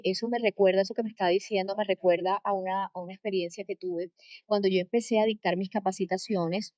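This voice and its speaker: A woman with a coastal Colombian accent answering in an interview, emphatic and expressive, building her points in repeated phrases. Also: medium pitch, no room sound. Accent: coastal Colombian (costeño). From Caribbean coast of Colombia. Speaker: interview guest, corporate trainer and coach. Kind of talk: conversational interview answers with anecdotes.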